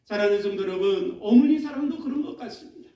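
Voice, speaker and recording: A man's voice: high-pitched, expressive, fast talker, dark tone. A man preaching a sermon as pastor, dramatic, acting out laments in a raised voice. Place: church sanctuary. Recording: echoey church hall, mic at a distance.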